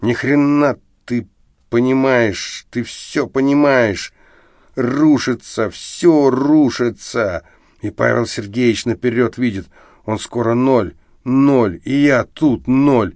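A man's voice: medium pitch, animated, slow, dry recording, clean studio sound, pitched above the performer's own voice. A man voicing a drunk, bitter middle-aged academic who rants and slurs, slipping into lisping baby talk. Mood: drunk shouting. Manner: slurred, ranting drunk outbursts, lapses into lisping baby talk.

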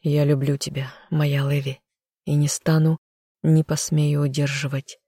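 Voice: medium pitch, monotone, measured pace, dark tone, slightly rough, no echo, clean studio sound. A reader voicing a tender, sorrowful prince. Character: young prince, loving and sorrowful man.

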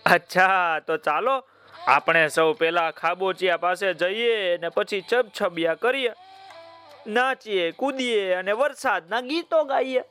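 A man's voice: high-pitched, slow pace, sharp tone, clear, resonant tone, faint music behind, full character voice. A man voicing a clever, cheerful crow uncle who coaxes everyone to play.

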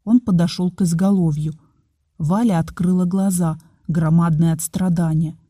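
A woman narrating an audiobook in a calm, measured reading voice. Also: lowish voice, breathy edge, no room sound, studio quality. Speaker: audiobook reader.

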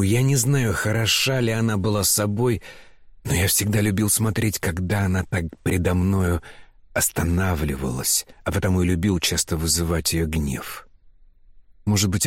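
A man reading a novel aloud in the first person, impassioned, swinging from fervent outbursts to a low confessional tone. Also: moderate pace, no room sound, studio quality. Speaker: audiobook reader.

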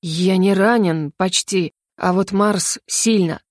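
A dazed, wounded male magic master speaking in short, rough bursts, voiced by a woman narrator. The audiobook sound is close and dry, at a middling pitch. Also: slow, dry recording.

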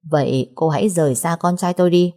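A woman's voice: on the low side, a little fast, mellow, natural voice. A woman voicing a cold, haughty older mother-in-law in a story, speaking dismissively. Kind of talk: audiobook character reading.

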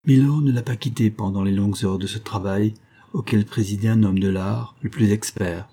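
A man reading a classic novella aloud as an audiobook narrator, in a measured, even way. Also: on the low side, slightly rough. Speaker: audiobook reader. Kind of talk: scripted literary narration.

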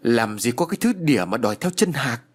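A man voicing a frightened, sharp-tongued older woman, the wife of a rich landowner, in an audiobook story, speaking in a shrill, scolding manner. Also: very animated, normal speed, slightly rough. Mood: scornful.

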